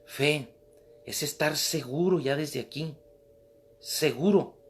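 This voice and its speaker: A man giving a Bible class sermon, his voice sitting fairly high. He preaches emphatically and repeats key phrases to drive them home. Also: slow, a little hiss or hum.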